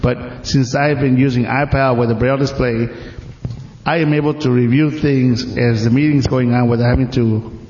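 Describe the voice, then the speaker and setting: A man's voice: mid-range voice, steady tone, moderate pace, a little mellow. Earnest man speaking up from the audience. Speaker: audience member and device user. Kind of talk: spoken testimonial from the audience. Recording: roomy lo-fi room recording with faint background noise.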